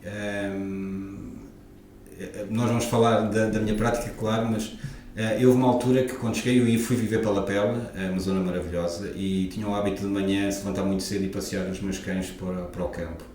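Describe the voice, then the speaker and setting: A man in his forties from Lisbon, a guest osteopath with a European Portuguese accent, speaks briskly in a low, slightly mellow, steady voice, musing with many hesitations in a casual interview. He is off-mic in an echoey room with faint ambience and slight background noise.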